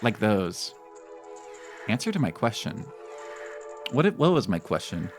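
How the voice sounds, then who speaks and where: Lively low-voiced man streaming a game. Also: measured pace. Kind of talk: casual chat while gaming. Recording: music behind the voice.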